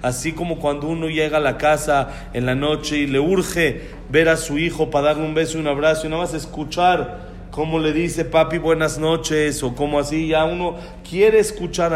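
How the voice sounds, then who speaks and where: A man's voice: on the high side, fairly even intonation, moderate pace, echoey room. A man giving a sermon as a rabbi, telling parables and acting out quotes in a storytelling way, with Hebrew terms mixed in.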